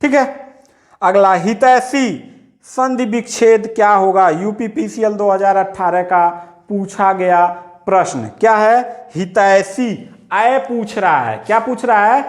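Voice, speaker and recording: A man's voice: high-pitched, lively intonation, slow pace. A male teacher giving an exam-prep grammar lesson, explaining step by step and repeating his own questions back to the listener.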